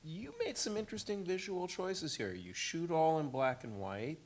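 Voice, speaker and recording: A man moderating a panel discussion, building his questions in a measured way. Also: fairly high pitch, lively intonation.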